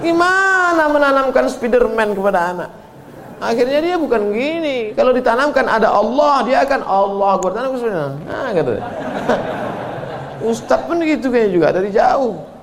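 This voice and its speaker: A man preaching a sermon at dawn, swinging from loud dramatic retellings to hushed, prayerful lines. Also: very high-pitched, animated, moderate pace, a faint crowd.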